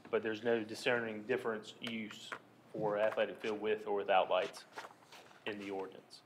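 A man in his thirties delivers a formal staff report at a council-chamber podium, speaking into the podium microphone. His delivery is steady and procedural, with little rise and fall in pitch and the odd filler between points. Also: a little hiss or hum, poor audio. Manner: measured, procedural, with frequent fillers. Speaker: city senior planner.

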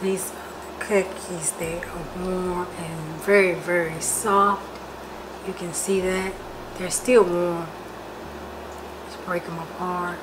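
A woman's voice: fairly low pitch, flat delivery, takes it slowly. A woman from Georgia, chatting casually through a cooking vlog in her home kitchen. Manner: chatty, talks with her mouth full at times. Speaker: cooking vlogger. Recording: noisy home recording.

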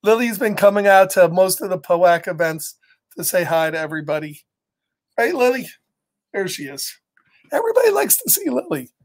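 Speaking at normal speed in a high-pitched voice, a middle-aged American man reads a picture book to children with chatty asides. The animated, exaggerated story time takes place indoors in a small home office.

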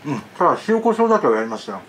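A man's voice: a little high, very animated, very fast, fairly bright tone, slight background noise. A man vlogging about food, chatting casually while eating and telling a rambling story with many asides.

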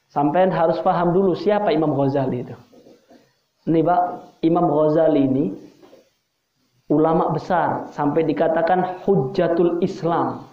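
A man's voice: on the high side, normal speed, long pauses. Male preacher, emphatic and direct, heard through a roomy, phone-thin sermon recording. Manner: emphatic, repeats key phrases, addresses listeners directly. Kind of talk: religious sermon. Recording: echoey, tinny lo-fi sermon recording.

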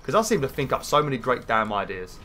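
A man's voice: mid-range voice, very animated, fast talker, pushed and bright, a little hiss or hum. A British man in his thirties with a nasal voice, as if pinching his nose, rambling casually and swearing a bit as he commentates on a video game. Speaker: gaming video host.

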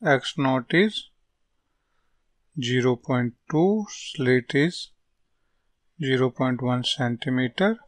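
A man with a North Indian accent gives a step-by-step lesson. His delivery is slow and halting, broken into short dictated phrases at a middling pitch. The sound is dry, with very little room around the voice. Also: dry recording. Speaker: physics tutor. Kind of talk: step-by-step lesson, reading out worked solutions.

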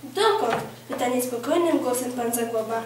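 A woman reading a historical novel aloud at a library contest, steady in the narration and brisk and louder in the dialogue. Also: high-pitched, slight background noise. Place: library room. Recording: very echoey room, mic far off.

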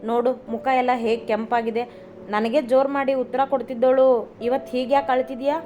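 A woman's voice: sits high, flat delivery, moderate pace, warm tone, slight background noise, lightly acted. A woman voicing a young husband who fakes anger to tease his wife, then turns affectionate. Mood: tender teasing. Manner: mock-stern then affectionate teasing. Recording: slightly dull recording, faint music.

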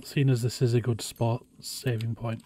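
A man's voice: mid-range voice, level tone, moderate pace, dark tone, a little hiss or hum. A man streaming a game, giving casual live commentary to his viewers.

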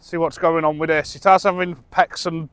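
Fishing outdoors from a seaside dock at night, a middle-aged man with a British English accent keeps up a chatty, self-amused commentary for his vlog. His slightly high, somewhat bright voice is smooth, with little pitch movement and normal speed. A camera on a tripod records him from a distance.

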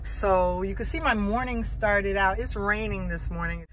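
A woman's voice: medium pitch, moderate pace, fairly bright tone, slight background noise. A woman with a Midwestern American accent, chatting casually to viewers as a vlogger from inside her car. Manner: chatty, repeats "you guys". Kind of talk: casual vlog talk to camera.

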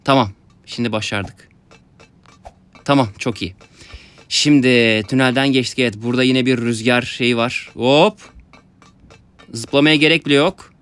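A young man giving excited let's-play commentary, talking to his viewers and yelping at his mishaps. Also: medium pitch, unhurried, long pauses, clear, resonant tone, faint music behind. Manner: excitable, yelps and laughs at mishaps, talks to viewers. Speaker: gaming YouTuber.

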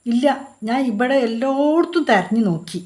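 A woman's voice: fairly high pitch, lively intonation, moderate pace, a little mellow, close to an everyday voice. A woman putting on a fretful old grandmother. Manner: fretful, scolding, gullible. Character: fussy, forgetful old village grandmother.

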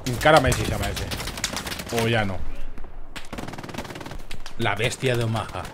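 A man with a Murcian Spanish accent giving casual, crude, joking commentary over a shooter game, often bursting into loud yelps. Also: fairly low pitch, slow pace, noisy background. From Murcia, Spain. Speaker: gameplay commentator.

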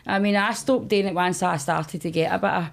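A woman's voice: on the low side, fairly even intonation, fairly quick, creaky, crowd noise. A woman with a broad Scottish accent in casual podcast chat, telling stories candidly in colloquial, sweary language. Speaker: guest, comedy performer.

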